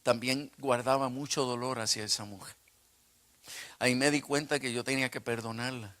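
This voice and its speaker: A man pastor telling a personal testimony in a sermon, emotional and surging to loud bursts. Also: mid-range voice, steady tone, normal speed. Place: retreat conference hall.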